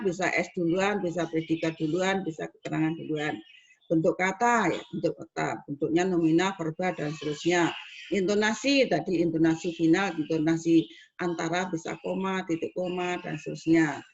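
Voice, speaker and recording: A woman university lecturer teaching students, explaining step by step and acting out spoken examples. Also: on the low side. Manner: explains slowly with spoken examples, rising on questions. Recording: dull lo-fi recording with faint noise.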